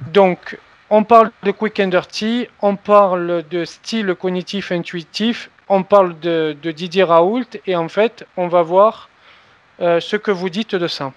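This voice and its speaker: A man's voice: high voice, fairly even intonation, a little slow, dry recording, highs cut off. A male interview host who reads prepared questions from his notes and makes the occasional self-deprecating joke.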